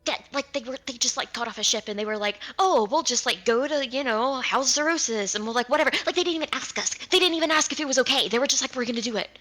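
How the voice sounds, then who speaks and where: A woman's voice: high-pitched, fast, few pauses, pushed and bright, pitched above the performer's own voice. Woman playing a frantic, stammering, pleading young woman. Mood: indignant. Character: panicky, teary young woman who is secretly a beast.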